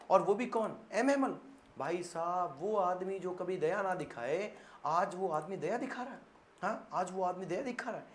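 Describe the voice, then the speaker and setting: A man's voice: a little high, slight background noise. A man from Rajasthan with a Marwari-tinged accent, teaching a bilingual lesson in a dramatic storytelling manner and talking straight to his students. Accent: Marwari-tinged Hindi. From Rajasthan, India. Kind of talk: animated bilingual lesson explanation. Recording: echoey room.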